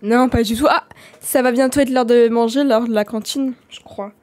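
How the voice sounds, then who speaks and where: Animated French woman streamer. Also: on the high side. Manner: animated, dramatic, quick swings in loudness. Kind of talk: live game role-play.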